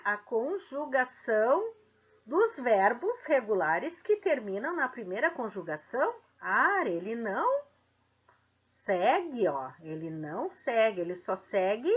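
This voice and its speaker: A woman's voice: fairly high pitch, a bit bright, slightly rough. A woman teacher, giving a grammar lesson and asking the class questions. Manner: slow, explanatory, asks the class questions. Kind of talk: grammar lesson for middle school. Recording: dull lo-fi sound.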